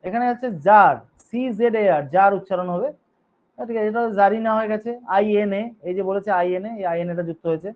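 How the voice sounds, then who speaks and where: A man's voice: high voice, fast talker. A male teacher giving a grammar lesson. He spells words out letter by letter, reads each rule in English, explains it, and keeps checking in with his students. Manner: reads rules in English, then explains them in Bengali. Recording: dull lo-fi recording.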